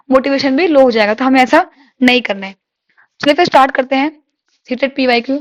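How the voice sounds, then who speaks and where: High-voiced woman teaching a lesson. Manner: reads English questions slowly, explains in Hindi with rhetorical questions. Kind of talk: exam-prep lecture.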